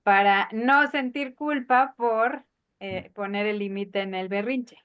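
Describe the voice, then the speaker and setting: A woman's voice: medium pitch, slow, clear, resonant tone, dull audio. A woman hosting a live session, reading out viewers' questions and giving short, affirming replies. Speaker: host reading audience questions. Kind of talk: live show moderation.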